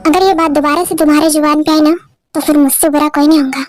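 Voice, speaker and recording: A woman's voice: sits high, steady tone, quick pace, no room sound, faint music behind, natural voice. A woman voicing a cold, irritable young husband who talks in short, scolding lines. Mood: angry. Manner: curt, scolding.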